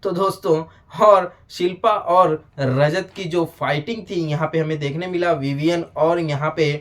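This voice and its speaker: Animated high-voiced man reviewing. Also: unhurried. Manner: animated, addresses the show directly, frequent "bhai sahab". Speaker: reality show reviewer. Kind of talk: casual video review.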